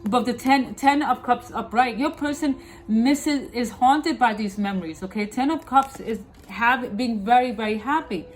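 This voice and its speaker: A woman's voice: fairly high pitch, normal speed, a little hiss or hum, low-quality recording. A woman with a slight lisp from wearing dental aligners, giving a tarot reading to viewers in an emphatic, repetitive way, often checking in with her listeners. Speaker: tarot reader, host.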